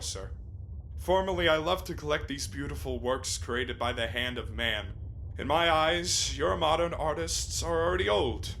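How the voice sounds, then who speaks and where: A man acting a reclusive, courteous, world-weary sea captain in a radio play, with formal, deliberate delivery. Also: mid-range voice, gravelly, fairly bright tone, slight background noise, poor audio.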